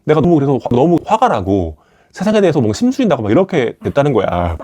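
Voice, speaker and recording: A man's voice: mid-range voice, huge pitch swings, quick pace, dark tone. A man giving a casual commentary on a manga, retelling its scenes and acting out the characters' lines in shifting voices. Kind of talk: animated storytelling commentary.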